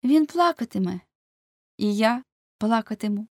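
A woman's voice: a little high, lively intonation, measured pace, no echo, clean studio sound, voice pushed up. A woman voicing a devout young servant girl in an audiobook, talking in an earnest, pleading way.

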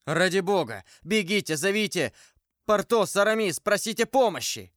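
A narrator putting on an impulsive young musketeer in a storybook, loud and urgent, with raised, shouting outbursts. His voice is smooth and clear, recorded dry and close. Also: a little high, lively intonation, takes it slowly, dry recording, pitched above the performer's own voice. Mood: frantic.

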